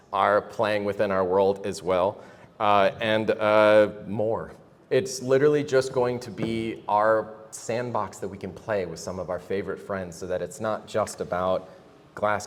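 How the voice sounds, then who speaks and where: A man giving an enthusiastic convention stage presentation, with many fillers as he reels off names. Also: on the low side. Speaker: game designer presenting upcoming projects. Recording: long hall reverb.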